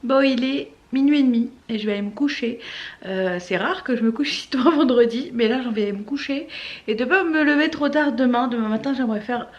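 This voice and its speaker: High-voiced woman lisping with a retainer. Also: fairly quick, highs cut off. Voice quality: lisp from wearing a dental retainer. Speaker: vlogger. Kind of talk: casual vlog chat to camera.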